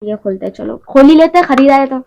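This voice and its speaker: A woman's voice: high voice, lively intonation, quick pace, vocal fry, darkish tone, a little hiss or hum, poor audio. A young woman talking casually through a beauty haul at home, chatty and rambling with self-mocking asides. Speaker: beauty vlogger. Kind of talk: casual shopping haul vlog.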